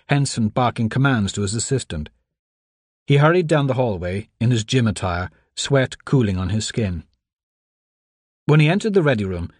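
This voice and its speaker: A man reading scripted audiobook narration in a measured, even storytelling manner on a close microphone. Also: mid-range voice, slightly rough, no room sound.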